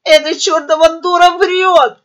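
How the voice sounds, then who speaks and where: A woman voicing a ten-year-old eagle girl who calls herself a princess and pleads in a shrill, hysterical way. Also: measured pace, fairly bright tone. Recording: dull lo-fi audio.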